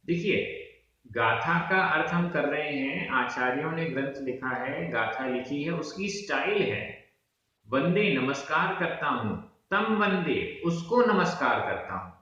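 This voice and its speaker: A man's voice: fairly high pitch, lively intonation, a little slow, bright, forceful tone. A man teaching an old language, who chants each verse syllable by syllable and then explains it patiently. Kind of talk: slow recitation and explanation of verses. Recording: distant, echoey, dull lo-fi sound.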